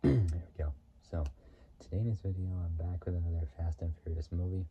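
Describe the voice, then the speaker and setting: A young man talking casually to his channel, rambling through fillers, giggles and throat clearing as he explains a movie. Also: low-pitched, brisk, background noise. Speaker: YouTuber. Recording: dull lo-fi sound.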